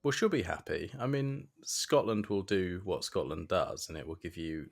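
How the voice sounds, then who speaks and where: Low-voiced man telling stories. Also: moderate pace, vocal fry. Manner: animated storyteller, swears for emphasis, laughs often. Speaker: podcast co-host. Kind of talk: casual chat.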